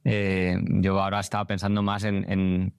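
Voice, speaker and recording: A man interviewing a guest in a relaxed, colloquial way. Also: low voice, normal speed, clear, resonant tone, no room sound, studio quality. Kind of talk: casual conversational interview.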